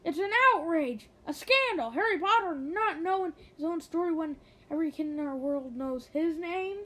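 A woman voicing a big, protective, kindly man from a storybook, folksy and halting in manner. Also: sits high, fairly even intonation, warm tone, breathy edge, heavily acted, poor audio. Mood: indignant. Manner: halting, folksy, dropped word endings.

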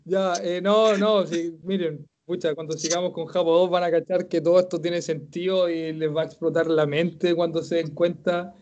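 Man, Chilean accent, teacher, streamed class, methodical, fairly high voice, dull lo-fi sound. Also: level tone, normal speed, few pauses, darkish tone. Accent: Chilean Spanish. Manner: methodical, reciting verb forms aloud, self-mocking humor. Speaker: Japanese language teacher. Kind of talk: live-streamed class, correcting homework.

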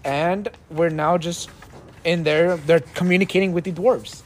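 A man's voice: on the high side, fairly even intonation, unhurried, a little hiss or hum. A man running a tabletop game as dungeon master, explaining casually and laughing often.

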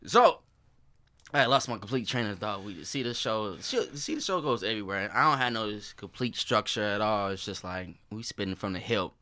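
A man's voice: on the low side, animated, moderate pace, sharp tone. A man hosting a podcast in loose, rambling casual chat, laughing often. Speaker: podcast host.

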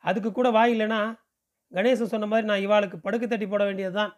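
Man reading as an elderly mother, grieving, anguished monologue, high voice, audiobook. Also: steady tone, quick pace, natural voice. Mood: lamenting. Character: distressed elderly Brahmin mother, lamenting.

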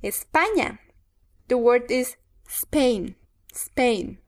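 A woman's voice: fairly high pitch, animated, drawn-out words. A woman co-hosting a bilingual pronunciation lesson, giving the English word for each prompt and repeating it. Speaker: co-host answering as student.

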